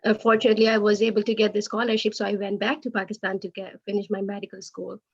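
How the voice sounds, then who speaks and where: A woman's voice: mid-range voice, level tone, fast talker, creaky, breathy edge, no room sound. A woman gives a friendly, upbeat introduction on an online panel. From United States. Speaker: resident panelist. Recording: dry, dull lo-fi audio.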